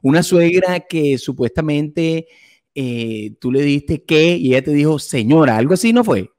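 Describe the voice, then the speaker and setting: A man hosts a casual interview, and his voice sits a little high for a man. He teases his guest and prods her with loose, slangy questions. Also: expressive, measured pace, a little mellow. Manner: teasing, colloquial, prodding questions. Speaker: host.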